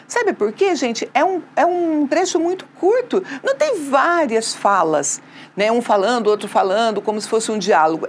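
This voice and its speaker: A woman's voice: a little high, slight background noise. A Brazilian woman teaching a remote school lesson, asking the class questions and answering them herself, with frequent tag questions. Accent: Brazilian Portuguese.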